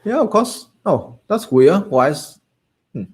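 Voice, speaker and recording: This coding tutorial host, a native Vietnamese speaker, mutters to himself while writing code in a casual live walkthrough, thinking aloud with plenty of fillers. His husky voice has gone low and tired from talking, with a slow, sing-song lilt.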